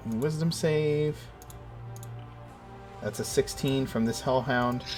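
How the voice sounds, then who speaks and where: Male game master, medium-pitched, improvising casually and haltingly at a tabletop session, soft music under.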